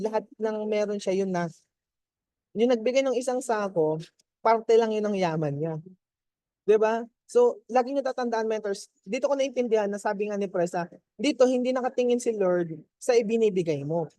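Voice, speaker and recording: A man gives a motivational testimony to his team, mixing languages as he talks. His voice is mellow and warm, and the sound is close and dry. He chats freely and keeps checking in with his listeners. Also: sits high, dry recording. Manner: chatty, keeps checking in with "di ba?" and laughs.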